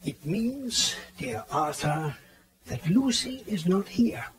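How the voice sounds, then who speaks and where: A man playing a grave, authoritative elderly professor who hunts vampires, speaking deliberately and theatrically in an audio drama. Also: high voice, sing-song, exaggerated voice. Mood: grave, knowing. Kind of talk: dramatized audio play acting. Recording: 1979 cassette audio drama, background bustle.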